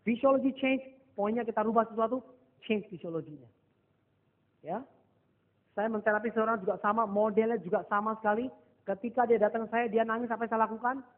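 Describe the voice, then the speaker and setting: High-voiced man teaching a seminar. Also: brisk. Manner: lively storytelling, mixing English phrases, acting out dialogue. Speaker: motivational NLP trainer. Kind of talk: seminar talk to a live audience. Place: seminar hall. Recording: echoey hall over a thin, phone-like line.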